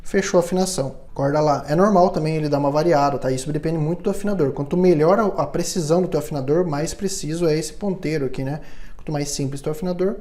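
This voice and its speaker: A man walks through a guitar setup in a patient, explanatory way and keeps checking that the viewer follows. His voice sits a little high for a man, with a mellow, soft tone. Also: quick pace. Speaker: guitar luthier instructor. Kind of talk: step-by-step instrument setup tutorial.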